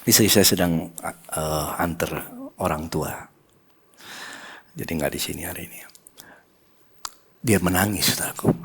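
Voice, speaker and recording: A middle-aged man preaching a sermon as pastor, swinging between loud emphasis and hushed whispers and calling on the congregation to answer. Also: low voice, measured pace, long pauses, husky. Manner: asks the congregation call-and-response questions.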